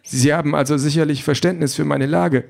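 A man's voice: a little high, steady tone, a little fast, creaky, a little mellow, pitched above the performer's own voice. A man voicing a fussy, overly formal self-driving car that is eager to please. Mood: prim, polite.

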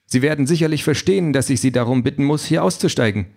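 A man's voice: medium pitch, fast, vocal fry, a little mellow, pitched above the performer's own voice, natural voice. A man voicing a fussy, overly formal self-driving car that is eager to please. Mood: prim, polite.

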